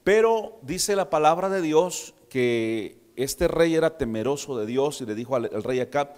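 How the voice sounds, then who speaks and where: A man from preaching a sermon, retelling a story with lively, humorous asides to his congregation. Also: a little high, measured pace, big-room sound. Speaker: pastor.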